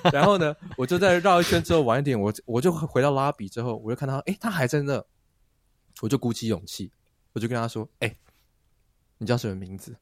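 A man with a Taiwanese accent hosting a podcast, telling stories in a lively casual chat and laughing often. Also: mid-range voice, brisk, no echo, studio quality. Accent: Taiwanese Mandarin. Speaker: podcast host.

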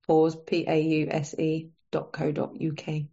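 A woman's voice: low voice, completely flat delivery, measured pace, gravelly, warm tone, slightly rough, muffled recording. A woman guest talking casually in a podcast interview, chatty and full of fillers and restarts. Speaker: menopause coach, guest.

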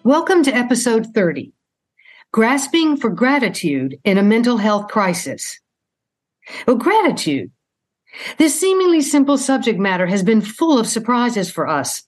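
A woman's voice: on the high side, big pitch swings, measured pace. A woman co-hosting a podcast, presenting mostly from prepared material. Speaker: podcast co-host.

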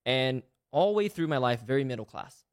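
A young man from Malaysia in his twenties talks fast and eagerly as a podcast guest, piling up fillers and quick restarts. His voice sits at a middle pitch and rushes from point to point in casual conversation. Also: sing-song. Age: 20s.

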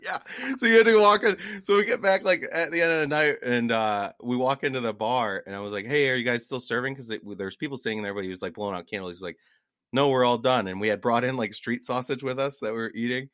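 A man's voice: mid-range voice, fast talker, hardly any pauses, a bit bright, clean tone, no room sound, studio quality. A man co-hosting a podcast, telling rambling travel stories in casual chat and laughing at his own anecdotes. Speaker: podcast co-host.

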